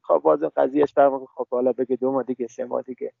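A young man speaking over a phone line in an interview, talking haltingly with many restarts and fillers. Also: mid-range voice, little pitch movement, vocal fry, no room sound. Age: young adult. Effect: heard over a phone line.

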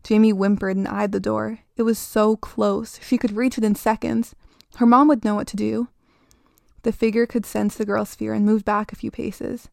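A woman host narrating a scripted spooky story in an even, measured reading. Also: mid-range voice, gravelly, dry recording, studio quality.

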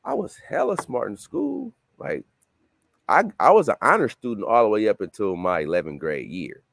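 A man in his late thirties, a guest author talking casually in an interview, loose and repetitive, jumping into excited bursts. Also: lowish voice, moderate pace, creaky, no echo. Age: 30s. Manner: loose, repetitive, rising to excited bursts when quoting himself.

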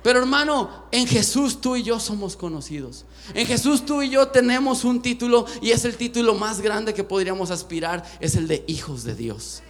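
A man's voice: sits high, moderate pace, hardly any pauses. A young Mexican man preaching a sermon with a Mexican Spanish accent, joking and poking fun at himself as he talks to his congregation. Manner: joking, self-deprecating and lively. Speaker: pastor. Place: church sanctuary. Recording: echoey church hall.

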